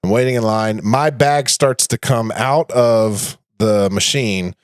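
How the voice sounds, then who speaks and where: A man's voice: fairly low pitch, takes it slowly, smooth, dry recording, studio quality. A man co-hosting a podcast, telling a story in casual chat and acting out what he said along the way. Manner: animated, acts out his own lines in quotes. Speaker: podcast co-host.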